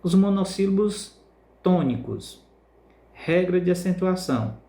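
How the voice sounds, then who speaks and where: A male Brazilian Portuguese teacher giving a recorded class lesson, repeating words slowly to stress their syllables. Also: high voice, animated, dark tone, reverberant. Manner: slow, drawn-out word repetition for emphasis.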